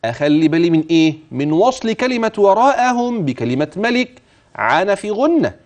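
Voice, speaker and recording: A man with an Egyptian Arabic accent teaching Quran recitation in a TV lesson. He draws out verses slowly and melodically, then explains them in quick, chatty colloquial speech, asking and answering his own questions as if coaching a student. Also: sits high, very animated. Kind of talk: tajweed lesson for a religious TV channel.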